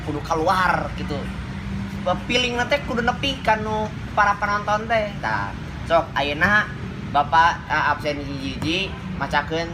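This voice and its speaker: A man's voice: on the high side, noisy background, lightly acted. A man playing a teacher who gives instructions and feedback on reading aloud in a school skit.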